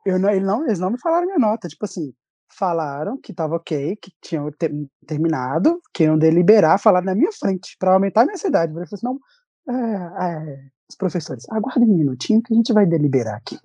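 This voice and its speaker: A young man with a Brazilian accent talks fast in a high-pitched, sing-song voice that is dark in tone and husky, with no echo. He is a recent graduate guest on a video call from his home desk, animatedly telling a story in a loose chat with many restarts.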